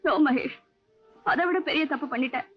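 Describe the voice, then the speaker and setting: A woman's voice: high voice, moderate pace, close to an everyday voice. An actress playing a remorseful young woman who pleads emotionally with her suitor, in 1980s Tamil film dialogue with English phrases mixed in. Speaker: film heroine. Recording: dull lo-fi 1980s film soundtrack, faint music.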